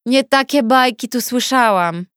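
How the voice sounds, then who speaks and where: Cheeky female inmate, slangy and teasing, voice pitched up and louder, done by a woman narrator. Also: a little slow, clear, resonant tone, dry recording, clean studio sound. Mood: brash teasing. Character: brash mocking woman prisoner behind a wall.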